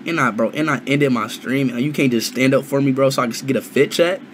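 A man's voice: mid-range voice, fast talker, slight background noise. A young man talking casually with a friend after a stream, loose and slangy, often trailing off. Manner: loose slangy talk, trails off, says bro a lot.

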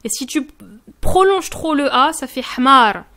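High-voiced woman drilling pronunciation slowly. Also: fairly bright tone. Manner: slow, careful drilling of words with repeated examples; friendly, informal, addresses the viewer as tu. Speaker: Moroccan Arabic teacher and blog host. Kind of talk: pronunciation lesson addressed to the viewer.

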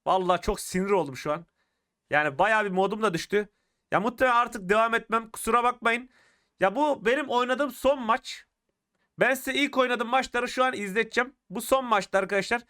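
A young man commentating his mobile shooter game, getting frustrated and shouting at opponents. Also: very high-pitched, brisk. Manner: excitable, frustrated outbursts while playing. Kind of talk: live gameplay commentary. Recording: clear game gunfire behind the voice. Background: shooter game gunfire and clicks.

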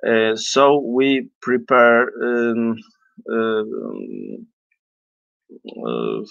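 A middle-aged man, a non-native English speaker, giving an unscripted explanatory talk as a priest, haltingly searching for words and often clearing his throat. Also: medium pitch, animated, fairly bright tone, no room sound. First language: not English. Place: small indoor room with bookshelves. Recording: dull lo-fi webcam audio.

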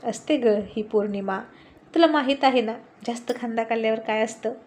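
A woman narrator lends her own mellow, slightly high voice to a mischievous husband in his forties. He jokes and teases his wife in a playful storybook scene. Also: brisk, a little hiss or hum, natural voice. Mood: teasing. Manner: joking, teasing.

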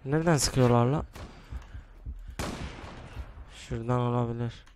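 A young man giving casual commentary while he plays a shooter game, mostly hushed because it is late at night, with sudden excited outbursts and groans. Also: mid-range voice, fast talker, slight background noise. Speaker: gaming YouTuber. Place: room at home at night.

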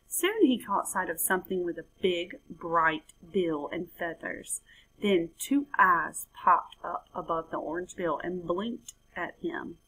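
A woman in her thirties reads a children's story aloud expressively in a room at home, captured on a webcam or laptop mic with rough recording quality. Her lowish voice sounds pushed and bright, with a breathy edge.

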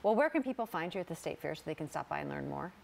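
Female morning-show host, 30s, slightly low-pitched, upbeat and chatty, studio lapel mic. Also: expressive, gravelly, darkish tone, slight background noise. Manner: upbeat, chatty, quick affirmations. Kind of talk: TV interview hosting. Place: TV studio set.

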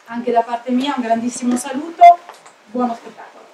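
A woman's voice: a little high, normal speed. A woman speaking hesitantly and informally on a theatre stage as she opens a school show, picked up by a distant camera. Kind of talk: informal welcome speech. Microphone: distant camera microphone. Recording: echoey, distant, noisy hall recording.

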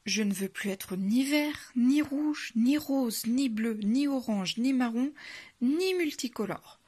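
Lady doing a grumpy big wolf, fussy, kinda husky and a bit high. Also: expressive, a little slow, full character voice. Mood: dismayed. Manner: fussy, exclaims in dismay.

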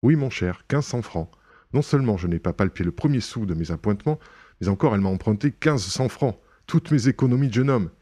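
A man doing a suave young gentleman burglar, proud and sharply ironic, his low, husky voice jumping higher when stung. It is an audiobook reading with theatrical bursts of indignation. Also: lively intonation, a little fast. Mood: wry amusement. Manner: indignant outbursts, mocking irony.

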